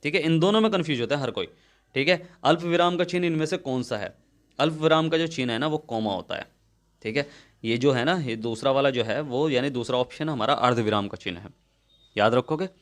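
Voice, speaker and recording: A man's voice: mid-range voice, a little fast. A young man teaching a Hindi grammar exam-prep lesson, talking students through each question step by step and often checking that they follow.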